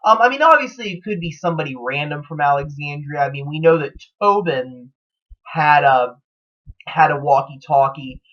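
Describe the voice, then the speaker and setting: Speaking at a moderate pace in a fairly high register, this host of a TV show theory vlog offers loose, speculative thoughts. He hesitates and rambles as he goes, and the audio sounds dull and lo-fi.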